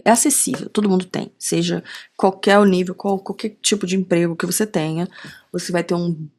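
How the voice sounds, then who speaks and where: This middle-aged woman speaks Brazilian Portuguese with a Carioca accent, fairly quickly and in a low-ish voice. A digital marketing strategist guesting on a podcast, she chats casually, acts out quoted dialogue in her lively stories, and keeps adding tag questions.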